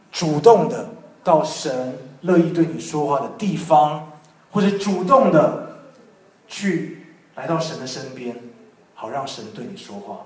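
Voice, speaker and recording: Animated preacher in an echoey room. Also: male voice, fairly high pitch. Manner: animated, swings between loud emphasis and soft intimate prayer, mixes in English words. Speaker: pastor. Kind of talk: sermon with personal testimony. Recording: echoey room from some distance.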